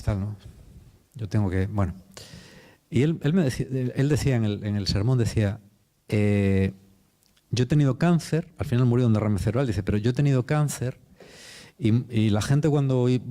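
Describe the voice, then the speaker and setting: Male preacher, Spain Spanish accent, lowish dark voice, chatty informal sermon delivery. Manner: informal, chatty storytelling with slang. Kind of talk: conversational sermon.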